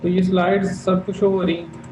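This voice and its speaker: A man's voice: high-pitched, level tone, moderate pace, noisy background. A man teaching Chinese tones in an online class, patiently going over students' answers one by one.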